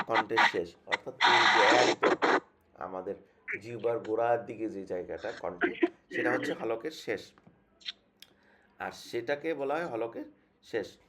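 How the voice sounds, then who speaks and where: A man's voice: mid-range voice, a little hiss or hum. A man teaching a tajweed lesson, patiently repeating each sound many times as a demonstration. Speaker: Quran recitation teacher.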